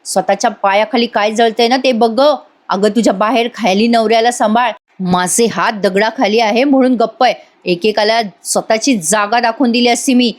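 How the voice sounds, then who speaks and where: A woman voicing a scheming young wife who pleads in a high, whiny tone. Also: moderate pace, hardly any pauses, close to an everyday voice. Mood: spiteful muttering.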